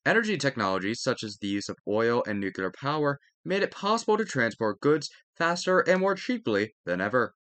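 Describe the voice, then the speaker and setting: A man reads a history textbook aloud as a lesson, adding brief asides and occasionally stumbling and repeating a phrase to fix it. His medium-pitched voice swings widely in pitch, with a fairly bright tone, a fairly quick pace and hardly any pauses. The recording has no room sound.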